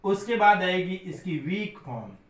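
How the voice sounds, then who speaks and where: A man's voice: sits high, big pitch swings, unhurried, fairly bright tone, roomy sound, a little hiss or hum. A man from India teaching a grammar lesson, asking his own questions and answering them.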